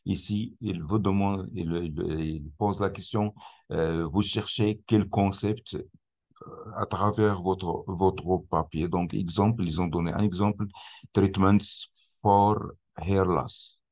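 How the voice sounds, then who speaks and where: A tutorial presenter with a very deep, darkish, steady voice guides viewers through a website in a screen recording. His first language is French, not English, so he speaks slowly and hesitantly, using fillers and often restarting phrases as he explains each click.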